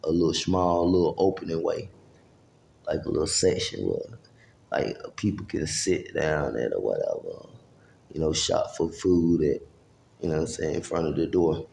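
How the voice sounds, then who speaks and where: A man's voice: very deep voice, lively intonation, normal speed, vocal fry, a little mellow, reverberant, a little hiss or hum. A man, casually telling a long, profane, rambling story to camera and acting out what people said. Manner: rambling, profane street talk with acted-out quotes. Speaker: vlogger.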